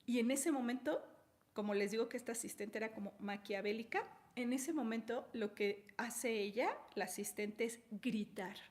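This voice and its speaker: A woman's voice: a little high, normal speed, a little mellow. A middle-aged woman teaching a workshop in a conversational way, explaining through stories and often checking in with the audience using tag questions. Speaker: personal development speaker.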